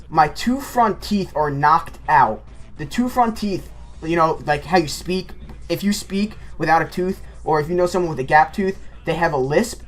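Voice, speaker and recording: Rambling, animated male gameplay commentator with a slightly high voice, telling a casual story.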